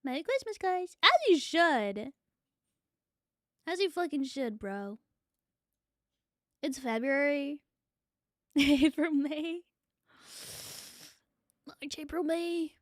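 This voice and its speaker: A young woman VTuber in a loose, playful livestream chat, tossing out casual swears. Her voice sits high and her pace is slow and easy. The sound is dry and close, with almost no room around it. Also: expressive, no echo. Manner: playful, swearing, chatting with viewers. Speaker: VTuber streamer.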